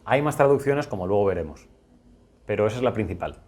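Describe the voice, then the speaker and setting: A man's voice: fairly low pitch, lively intonation, fairly quick, darkish tone. Patient Spanish man teaching English grammar. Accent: Spain Spanish. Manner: patient, explanatory, repeats key points. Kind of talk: recorded video lesson.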